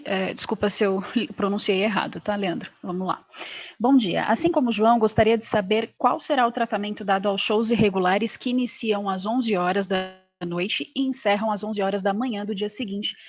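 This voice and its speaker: A woman moderating a public hearing, reading out questions in a polite, procedural way. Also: mid-range voice. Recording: dull lo-fi sound.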